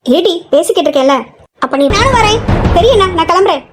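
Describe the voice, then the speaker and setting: Young woman as protective female college student, very high voice, scolding tone. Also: lively intonation, fast, background noise. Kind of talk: amateur audio drama acting.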